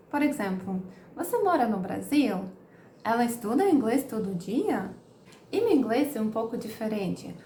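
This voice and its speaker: A woman's voice: a little high, darkish tone. A woman teaching an English lesson, carefully repeating each example sentence. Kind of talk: slow explanatory lesson. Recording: roomy with faint background noise.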